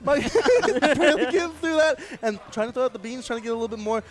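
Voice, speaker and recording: A man calling a fighting-game match live, energetic and jokey, with bursts of shouting at big plays. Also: very high-pitched, fast talker. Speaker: esports commentator. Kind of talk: excited live play-by-play commentary.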